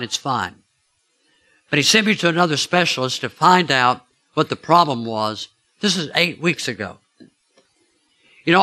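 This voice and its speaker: Bright-voiced preacher telling a story. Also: male voice, mid-range voice. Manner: chatty, asks the listeners questions. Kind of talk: storytelling sermon.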